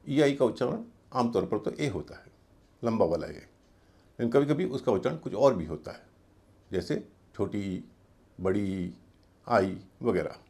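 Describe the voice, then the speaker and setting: A man teaching English pronunciation in a video lesson, spelling words out letter by letter and repeating each one in slow drills. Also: lowish voice, animated, vocal fry, a little mellow.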